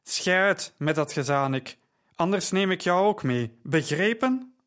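Guy reading raspy bossy soldier, a bit higher n louder, threatening, slow. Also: lightly acted. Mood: menacing. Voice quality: hoarse strangled rasp. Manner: curt and menacing. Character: gruff arrogant male soldier, raspy.

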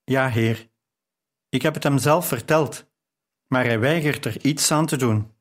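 A man's voice: mid-range voice, a little slow, natural voice. A man voicing a humble old male servant. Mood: deferential. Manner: deferential, plain-spoken.

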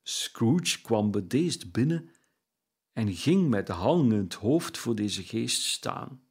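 A man narrates a storybook at an unhurried, deliberate pace, his voice sitting at an ordinary middle pitch. The reading is measured and calm. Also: breathy edge. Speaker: audiobook narrator.

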